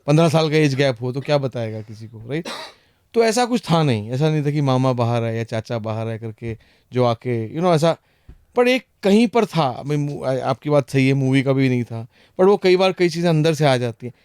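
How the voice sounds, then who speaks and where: A man's voice: mid-range voice, expressive, moderate pace, a little mellow, clear, resonant tone, no echo, studio quality. A middle-aged man from India with an Indian accent, a guest in casual chat, mixing English phrases and often adding "right?" and "you know".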